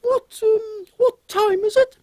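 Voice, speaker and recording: A woman's voice: very high voice, steady tone, slow pace, warm tone. A woman playing an imperious, eccentric elderly British queen with an upper-class accent in a comic audio drama, pompous and exclamatory. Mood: flustered. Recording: faint background noise.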